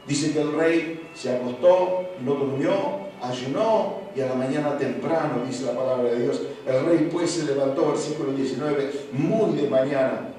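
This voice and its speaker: A man with an Argentine accent preaching a sermon as pastor, going from hushed passages to loud exclamations. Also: medium pitch. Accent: Argentine Spanish. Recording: echoey hall from far off, faint noise.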